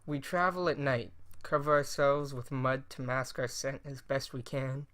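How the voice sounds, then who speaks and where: A man's voice: medium pitch, flat delivery, unhurried, a bit bright, lightly acted. A man voicing a guarded, terse young man protecting his pregnant girlfriend. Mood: weary. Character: wary young man, protective boyfriend, blunt.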